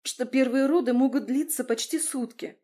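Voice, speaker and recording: A woman's voice: sits high, moderate pace, warm tone, voice pushed up. A woman voicing a young, nervous female friend who talks reassuringly at a bedside. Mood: anxious.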